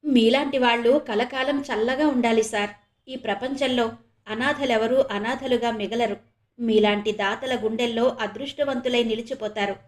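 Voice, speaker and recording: A soft-spoken, humble caretaker mother in a storybook audio novel, played by a woman narrator. Her tone stays gentle and tender, a touch high in pitch. The speech is devoted and modest. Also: fairly even intonation, moderate pace, natural voice.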